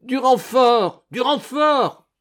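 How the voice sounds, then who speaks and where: A man voicing a fierce, violent monk who shouts in strained high cries. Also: lively intonation, slow pace, heavily acted. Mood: shouting.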